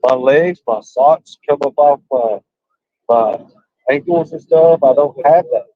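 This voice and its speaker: A man's voice: mid-range voice, unhurried, no room sound. Man, rambling repetitive casual talker, muffled dry call audio. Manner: rambling, repeats himself. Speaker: streamer on a call. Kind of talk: casual chat. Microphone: video call.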